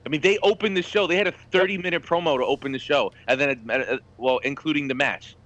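A man co-hosting a casual wrestling podcast, eager and excitable as he chimes in. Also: fairly high pitch, quick pace. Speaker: podcast co-host. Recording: dull lo-fi audio.

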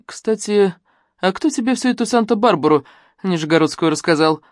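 A woman's voice: mid-range voice, lively intonation, fast, dry recording, clean studio sound, voice pushed up, lightly acted. A woman reading an audiobook and voicing a cold, mocking middle-aged widow who speaks curtly. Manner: cool, curt, mocking. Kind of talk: audiobook dialogue.

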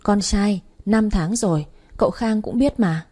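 A woman's voice: medium pitch, measured pace, dark tone, slightly rough. A woman doing a brazen, insolent young maid. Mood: smug. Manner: leisurely and cheeky.

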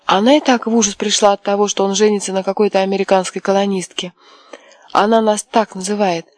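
A woman voicing a headstrong, quick-tempered young wife in an audiobook, sharp and mocking. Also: mid-range voice, fairly even intonation, dry recording, lightly acted. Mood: furious. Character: fiery defiant young wife, headstrong and scheming. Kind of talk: audiobook character voice.

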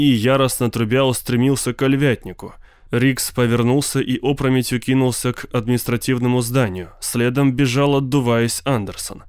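Smooth-voiced male audiobook narrator. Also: mid-range voice, dry recording, clean studio sound. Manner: steady dramatic storytelling. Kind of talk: audiobook reading.

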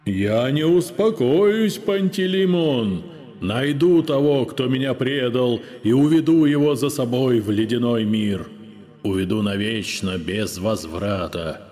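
Brief: male reader doing a vengeful storybook ghost, slow moaning sepulchral delivery, booming and menacing. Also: a little mellow, soft background music, close to an everyday voice. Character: vengeful mournful male ghost, a man in disguise.

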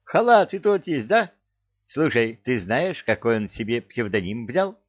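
A man voicing a loud, hysterical male parrot who squawks, gossips and brandishes threats. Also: medium pitch, big pitch swings, unhurried, no room sound, highs cut off. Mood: gossiping.

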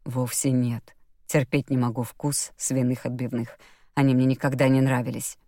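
A woman's voice: extremely low pitch, level tone, moderate pace, dark tone, no echo, studio quality. A woman reading the part of a stubborn, irritable older father in an audiobook, with curt, grumbling lines.

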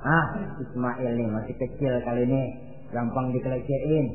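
Preacher doing a low sneaky devil, coaxing and wheedling, tinny echoey tape. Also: male voice, fairly even intonation, normal speed, lightly acted. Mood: scheming. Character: sly whispering male devil tempter. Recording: tinny, echoey old recording.

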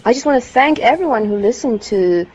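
A woman's voice: on the high side, animated, brisk, darkish tone, lo-fi sound. A woman with a Polish accent co-hosting a podcast in casual chat, joking and laughing at herself. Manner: laughing, joking, self-deprecating. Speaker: podcast co-host.

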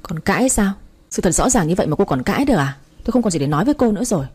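A woman voicing a sharp-tongued older mother-in-law in a story reading, quick and mocking. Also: medium pitch, sing-song, breathy edge. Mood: scornful.

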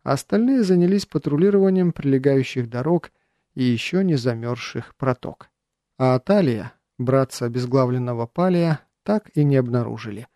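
A man reading a first-person adventure audiobook in a measured, even storytelling manner. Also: medium pitch, no echo, studio quality. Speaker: audiobook narrator.

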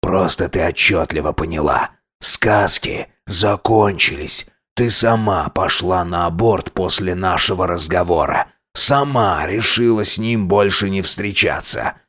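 A man voicing a domineering older father in an audiobook, slow, cold and contemptuous. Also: sits low, a bit bright, husky, heavily acted. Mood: scornful. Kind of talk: audiobook character voice.

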